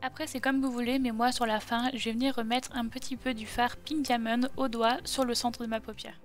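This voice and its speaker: Female beauty vlogger, chatty tutorial voice-over, light high voice, faint music underneath. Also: little pitch movement, a little fast. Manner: chatty, step-by-step explaining. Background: faint background music.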